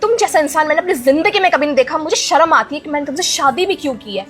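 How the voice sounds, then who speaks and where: An indignant wealthy wife in a social-media melodrama, played by a woman, her very high voice sharp with scolding. She gives orders and accusations with force, with faint music underneath. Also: lively intonation, fast talker. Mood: furious. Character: wealthy wife and employer, stern and protective. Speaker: lady of the house.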